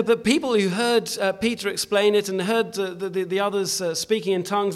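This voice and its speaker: Earnest preaching man, slightly high voice. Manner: earnest, emphatic exhortation with frequent restarts. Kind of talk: sermon.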